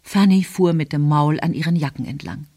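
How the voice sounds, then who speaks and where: A woman narrating a novel in calm, even storytelling. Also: deep voice, brisk, breathy edge, no room sound, studio quality. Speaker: audiobook narrator. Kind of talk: scripted narration.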